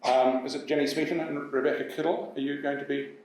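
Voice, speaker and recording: A New man hosting an event as MC, talking in a halting way full of uhs and restarts. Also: a little high, fairly even intonation, darkish tone, a little hiss or hum. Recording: echoey hall from far off.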